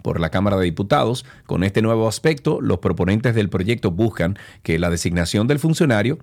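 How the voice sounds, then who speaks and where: Brisk and lively in intonation, this fairly low male voice belongs to a radio host in the studio. He stumbles slightly while reading the news, then talks warmly with people who call in.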